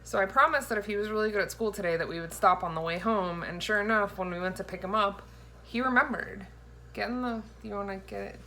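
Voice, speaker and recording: Quick-paced with a sharp tone and medium pitch, this woman in her thirties hosts a vlog, playfully chatting and telling stories to the camera. She giggles as she goes. A phone held at arm's length records her in her home kitchen, picking up faint background noise.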